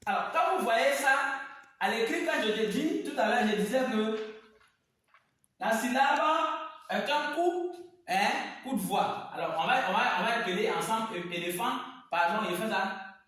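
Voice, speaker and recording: A man teaching a reading lesson, explaining slowly and repeating words syllable by syllable at the board. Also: high-pitched, expressive, fairly bright tone. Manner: slow, repetitive, spells words by syllables. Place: classroom with a board. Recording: echoey room, mic far off.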